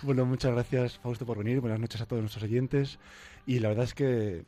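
Brisk and mellow, with a steady medium-pitched voice, this young Castilian-accented seminarian co-presents radio from a studio. He reads scripture and chats conversationally into a studio microphone.

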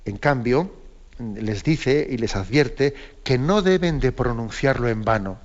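Guy explaining the faith slowly, keeps tossing in ¿no?, kinda muffled lo-fi audio. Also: medium pitch, lively intonation. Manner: unhurried, with many "¿no?" asides. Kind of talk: catechetical talk on a program.

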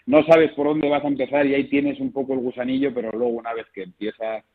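A man's voice: mid-range voice, lively intonation, quick pace, creaky. A man, a clown being interviewed, telling stories in a chatty way. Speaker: interview guest. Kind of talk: phone interview. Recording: tinny phone line.

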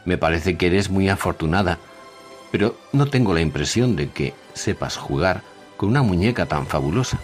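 A man's voice: sits low, normal speed, faint music behind. A man voicing a cold, persuasive, insistent grey salesman in a storybook reading. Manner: monotone, insistent.

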